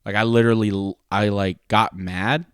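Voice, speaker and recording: A man's voice: lowish voice, steady tone, normal speed, a bit bright, smooth, dry recording, studio quality. A man telling a personal story in a casual, comedic podcast style, profane and exaggerating. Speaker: podcast host and pro wrestler.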